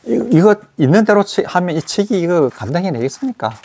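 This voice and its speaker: A man lecturing in a small classroom, his voice gravelly and husky. His pitch moves in a lively way as he slowly repeats English words aloud so students can hear each sound. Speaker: English teacher.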